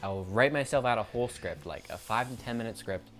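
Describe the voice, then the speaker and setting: Over soft background music, a fast-talking YouTuber with a mid-range voice speaks casually to camera. The monologue is off the cuff and meandering, with the occasional stutter and mid-sentence corrections.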